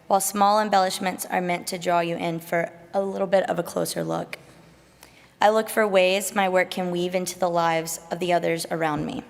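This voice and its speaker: A hoarse woman, giving an emotional, grateful conference presentation in a large convention hall on a lectern mic. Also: on the low side. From Alabama, USA. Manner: emotional, grateful, laughs nervously. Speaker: emerging artist presenter. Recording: long hall reverb.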